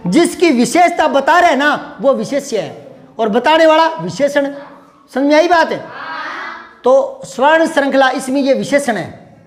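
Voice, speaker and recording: A man's voice: very high voice, animated, a little slow. A male teacher giving a grammar lesson to a class. He patiently drills words again and again, calls the pupils "beta" and keeps asking them questions.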